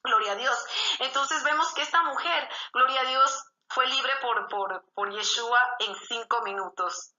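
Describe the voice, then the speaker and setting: A woman preaches as pastor in a sharply bright, fairly high voice. She keeps breaking in with short exclamations of praise between her points. The sound is roomy and slightly dull. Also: unhurried. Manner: peppers speech with "gloria a Dios" exclamations. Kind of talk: sermon.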